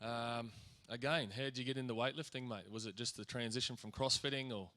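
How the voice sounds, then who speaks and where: Hosting a school sports awards night in a hall, an Australian master of ceremonies chats with guests in a chummy way, constantly calling people "mate." His mid-range voice is steady, fairly quick, pushed, and bright.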